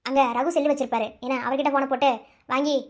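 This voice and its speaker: A woman voicing a caring village sister-in-law in a cartoon, with a Madurai Tamil accent. She gives orders briskly and soothes others. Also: sits high, steady tone, lightly acted. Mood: urgent. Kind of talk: cartoon voice acting.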